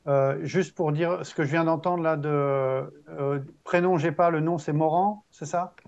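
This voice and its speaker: A former English teacher on a panel keeps urging students to let go and speak up. His voice is gravelly and a bit higher than usual for a man. The sound is dull and lo-fi. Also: steady tone, unhurried, darkish tone. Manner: emphatic, encouraging. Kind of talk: panel talk.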